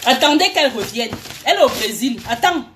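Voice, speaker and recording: A woman's voice: high-pitched, animated, fairly quick, background noise. A woman, ranting heatedly at people she addresses directly, accusing them and repeating herself. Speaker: vlogger. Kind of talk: angry direct-address rant.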